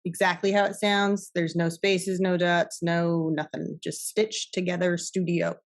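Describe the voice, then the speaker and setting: A woman's voice: fairly low pitch, little pitch movement, measured pace. A woman co-hosting a podcast in a studio, joking bluntly and swearing casually. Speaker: podcast co-host. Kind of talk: casual chat.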